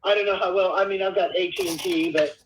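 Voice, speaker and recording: A woman's voice: fairly low pitch, steady tone, fast, a little hiss or hum. A woman selling her home, chatting on a phone call whose audio wobbles and warbles, rambling with many fillers. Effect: wobbly, warbling, glitching call audio. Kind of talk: casual phone conversation. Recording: muffled, distant, echoey phone call.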